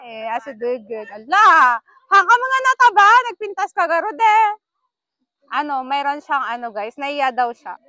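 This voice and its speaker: A woman's voice: high-pitched, very animated, a little slow, pushed and bright. A woman vlogger with an Ilocano accent, chatting playfully to the camera and teasing small children at a village gathering. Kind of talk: casual vlog chat mixing languages.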